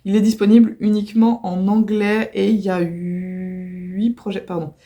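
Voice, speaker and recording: Woman rambling in a home crafts vlog, warm soft tone, lots of ums and sorrys. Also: medium pitch, flat delivery, moderate pace. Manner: chatty and apologetic, with many fillers and self-corrections. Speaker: crochet vlogger. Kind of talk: casual chatty video talk. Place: at home by a computer.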